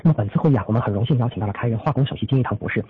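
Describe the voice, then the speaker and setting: A man's voice: medium pitch, very fast, breathy edge. A man formally presenting prepared market analysis as the host of an investor conference call. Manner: formal, with frequent trailing "a" particles. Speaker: chief strategist hosting an investor call. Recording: tinny phone-line conference audio.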